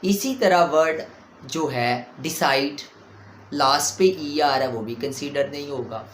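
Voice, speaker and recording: A man teaching an English lesson, explaining step by step and often checking that the point is clear. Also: fairly high pitch, slow, slight background noise. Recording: roomy echo.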